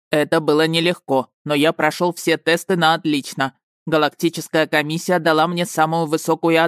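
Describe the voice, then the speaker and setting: A woman's voice: sits low, clean tone, no room sound, studio quality, close to an everyday voice. A woman voicing a polite, proud male robot starship in an audiobook. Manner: matter-of-fact, courteous. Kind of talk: audiobook character reading.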